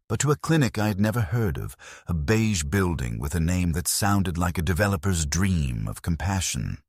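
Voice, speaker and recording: An older man narrating a first-person story in a measured, even-toned way with long flowing sentences. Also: extremely low pitch, breathy edge, no room sound, clean studio sound.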